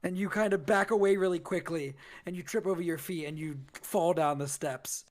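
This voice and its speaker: A man's voice: high-pitched, moderate pace. A man narrating a tabletop game as game master, describing scenes in a loose, rambling way with lots of fillers.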